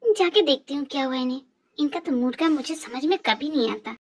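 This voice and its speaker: A woman's voice: high-pitched, expressive, fairly quick. A woman voicing a feisty, talkative young secretary in a fan dub drama, sassy and argumentative.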